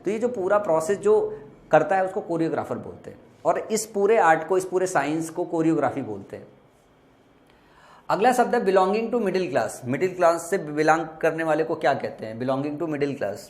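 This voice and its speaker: Male teacher whose first language is Hindi, patient and repetitive, spells words aloud; voice a bit high, recorded in an echoey room. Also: lively intonation, darkish tone. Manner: explains slowly with repetition and spelled-out letters. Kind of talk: exam vocabulary lesson.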